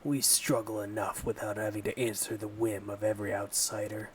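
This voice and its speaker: A man voicing a gruff, hostile settlement leader who distrusts outsiders, reading his game lines in a stern, curt way. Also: on the low side, little pitch movement, fairly quick, recorded from a distance, slight background noise, voice pushed down, close to an everyday voice, low-quality recording. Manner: stern and curt, with a failed attempt at a growl. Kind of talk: reading game dialogue aloud. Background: game music.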